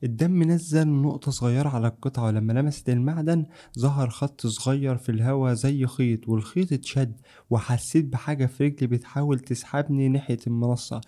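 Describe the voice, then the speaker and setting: Very dark-voiced male horror narrator. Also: medium pitch, fast talker. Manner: tense, suspenseful storytelling. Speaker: horror storyteller. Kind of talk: scripted first-person horror narration.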